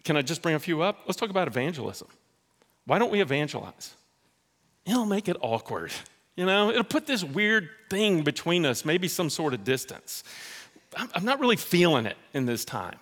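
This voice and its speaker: A man preaching a sermon in a church in a conversational, animated way, acting out dialogue. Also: fairly high pitch, normal speed. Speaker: pastor.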